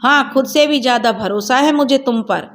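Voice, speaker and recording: A woman's voice: sits high, normal speed, lightly acted. A woman voicing a bashful, trusting young woman in a storybook reading, with shy, pouting replies.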